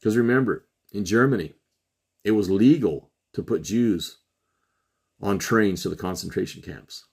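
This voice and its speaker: Middle-aged male host, very low gravelly voice, earnest solo commentary with slow emphatic pauses. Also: a little mellow. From Trinidad and Tobago. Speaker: podcast host.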